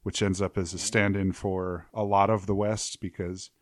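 A man's voice: sits low, little pitch movement, normal speed, no echo. A man from central Wyoming, co-hosting a review podcast with a dry, rambling wit. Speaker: podcast co-host. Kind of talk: casual review chat.

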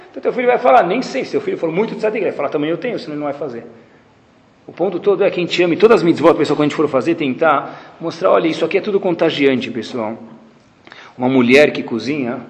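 Brazilian male Torah teacher, fairly high voice, lively delivery, reverberant hall sound. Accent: Brazilian Portuguese. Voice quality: animated, acts out quoted speech with Hebrew terms. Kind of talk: religious lesson to a group. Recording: echoey hall.

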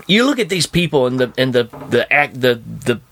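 Chatting loosely on a podcast he co-hosts, a man pokes fun at a bad movie and performs scenes from it with animated energy. His voice is medium-pitched and his speed normal.

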